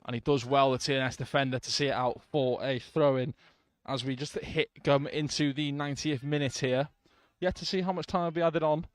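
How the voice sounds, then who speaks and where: A male football commentator calling the match live for radio from the stands of a ground. His voice is mid-pitched and sits dry and close on the mic. He keeps a steady play-by-play running. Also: brisk, few pauses, no echo. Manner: calm play-by-play with brief asides to listeners.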